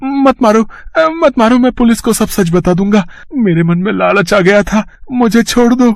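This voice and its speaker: A cowering cartoon thief who begs and babbles in a very high, thin voice. The sound is dry and close, with no room around it. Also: male voice, lively intonation, moderate pace, gravelly, dry recording. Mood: begging. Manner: pleading, frantic. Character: greedy man caught stealing, panicked and begging. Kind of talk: cartoon voice acting.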